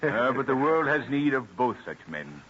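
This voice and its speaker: An actor playing George Washington as a courteous, dignified, earnest gentleman in formal, stately phrases in a radio drama. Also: mid-range voice, sing-song, normal speed. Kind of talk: old-time radio drama acting. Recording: muffled old radio recording with hiss.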